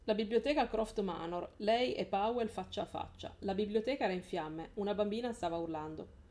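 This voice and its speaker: A woman's voice: medium pitch, fairly quick, dark tone. A woman hosting a live stream, reading a novel aloud in a casual way, often correcting herself and laughing.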